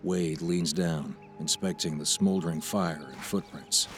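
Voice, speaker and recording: A man with a low-pitched voice narrates screenplay action for an audio drama as a scripted read, keeping a measured pace. Music plays behind his voice.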